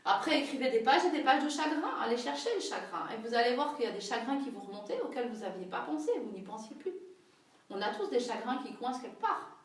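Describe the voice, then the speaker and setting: A woman's voice: fairly high pitch, lively intonation, quick pace. A woman leading a group workshop in a conversational teaching manner, often checking in with her listeners. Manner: conversational, frequent tag questions. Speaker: workshop leader. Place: room with a small group. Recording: very echoey room, far from the mic.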